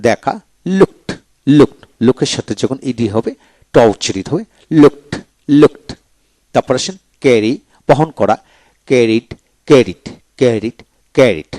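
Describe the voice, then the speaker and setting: A man from Bangladesh teaching English pronunciation in a video lecture, repeating each word slowly several times. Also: medium pitch, a little mellow, dry recording.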